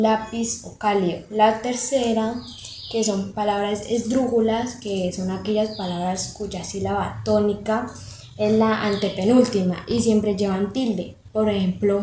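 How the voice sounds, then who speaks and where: A young woman reading a class presentation, listing examples in a slow, measured way with hesitant fillers. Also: medium pitch, darkish tone. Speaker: student presenter. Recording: echoey room, faint background noise.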